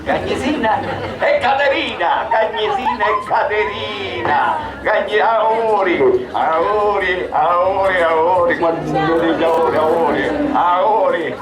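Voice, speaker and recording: A man with a Sicilian southern Italian accent playing an excitable schemer in an amateur dialect stage comedy, exclaiming and repeating words insistently. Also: sits high, slow. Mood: effusive. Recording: echoey live theatre, loud crowd noise.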